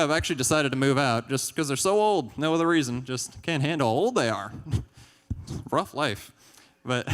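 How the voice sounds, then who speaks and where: A young man performing a stand-up comedy set on stage, deadpan and chuckling at his own jokes. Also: medium pitch, clear, resonant tone. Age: young adult. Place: stage in a large hall. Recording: live hall with long reverb.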